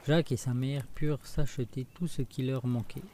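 Mellow-voiced man reading a fairy tale. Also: mid-range voice, fairly even intonation, normal speed, slight background noise. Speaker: storyteller. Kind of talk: scripted storybook narration.

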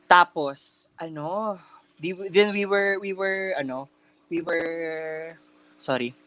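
A man's voice: a little high, slow pace, bright, forceful tone. A young man co-hosting a casual podcast, telling a story in chatty mixed Tagalog and English with lots of fillers and campy slang. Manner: chatty Taglish storytelling with many fillers and restarts. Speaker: podcast co-host. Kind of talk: casual chat.

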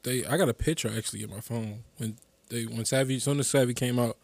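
A man's voice: medium pitch, steady tone, creaky, no echo. A young man, a podcast guest, chatting casually and often repeating words as he tries to remember. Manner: halting, repeats words while recalling. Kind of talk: casual chat.

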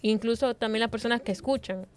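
A woman hosting a panel discussion, telling lively stories and acting out the exchanges she quotes. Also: fairly high pitch, fast. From Dominican Republic. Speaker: host.

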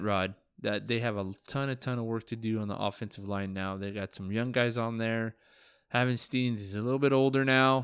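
A man talks through a casual fantasy football podcast recap, tired and yawning but still joking and teasing his league friends. His voice is smooth and resonant, sitting at an everyday pitch. The recording is dry and close with no room sound. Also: no room sound.

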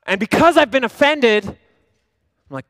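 Animated young pastor preaching. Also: male voice, very high-pitched, normal speed, no echo, clean studio sound. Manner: acts out his own inner voice, swinging from mutters to loud outbursts. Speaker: lead pastor. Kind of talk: animated sermon storytelling.

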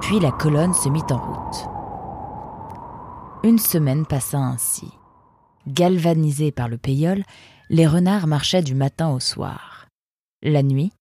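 A woman narrating a storybook in a measured, unhurried way. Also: low-pitched, husky, no echo, studio quality. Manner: measured, even, unhurried reading.

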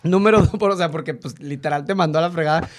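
A man's voice: a little high, fast. A man in his thirties with a Mexican Spanish accent, a podcast guest chatting casually and telling stories full of slang and asides. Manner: joking, storytelling with slang and asides. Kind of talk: casual chat.

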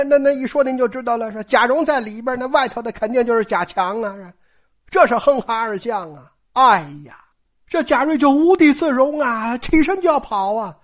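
A woman telling a classic novel in a chatty, colloquial storytelling style, often addressing listeners directly. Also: high voice.

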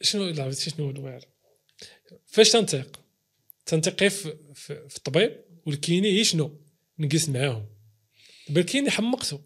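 A man with a Moroccan Arabic accent, appearing as an interview guest, tells personal stories in a casual, animated way, acting out the dialogue he quotes and swearing oaths for emphasis. His voice is fairly high, fairly bright, and husky, and he talks quickly with frequent pauses.

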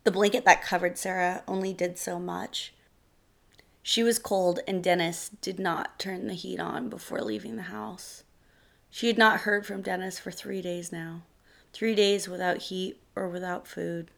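A woman narrating a short story in a measured, steady way. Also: fairly low pitch, creaky.

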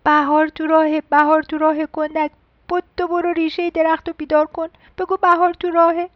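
A woman voicing a quick, noisy little tree creature that calls out excitedly. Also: high-pitched, no echo, dull audio, pitched above the performer's own voice, natural voice. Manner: excited, loud calling.

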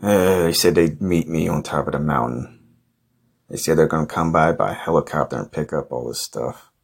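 A man's voice: extremely low pitch, fairly even intonation, moderate pace, vocal fry, slightly rough. A man hosting a comedy podcast, delivering an improvised monologue in a profane, exasperated, grumbling manner.

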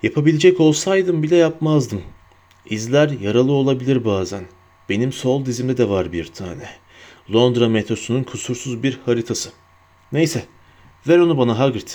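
A man voicing a calm, wise old wizard who speaks in a measured, dryly humorous way. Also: medium pitch, lightly acted.

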